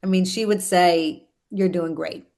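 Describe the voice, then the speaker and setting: A woman's voice: lowish voice, fairly even intonation, measured pace, gravelly, darkish tone. A woman in her fifties, a podcast guest, chatting casually in a rambling way with lots of fillers. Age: 50s. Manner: rambling, many fillers and restarts. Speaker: podcast guest, food company founder. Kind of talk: casual chat.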